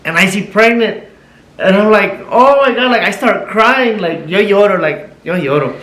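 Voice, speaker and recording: A man, a husband and family vlogger, telling a personal story to the camera in a casual, excitable way, repeating himself and slipping into Spanish now and then. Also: sits high, normal speed. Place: living room at home. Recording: echoey room with soft music.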